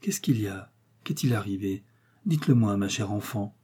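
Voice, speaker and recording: A motherly innkeeper's wife from a read-aloud novel, soft and soothing in tone, as a male narrator puts her on. The voice stays husky and mellow. She speaks gently and tenderly. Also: mid-range voice, lively intonation, normal speed.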